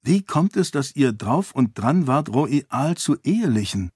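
A man's voice: mid-range voice, very animated, measured pace, darkish tone, slightly rough, dry recording, studio quality, pitched above the performer's own voice. A man reading a shrewd, clever man in an audiobook, speaking dryly and with probing questions.

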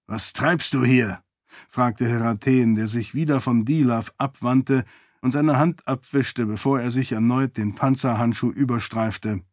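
A man reading a fantasy novel aloud as an audiobook narrator, in an even, measured storytelling manner. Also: mid-range voice, no echo, clean studio sound.

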